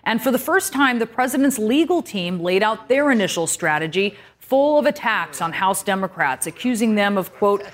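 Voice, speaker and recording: A woman anchoring a political news program, reading the intro crisply and then pressing her guest for clear answers. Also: medium pitch, expressive, moderate pace, few pauses.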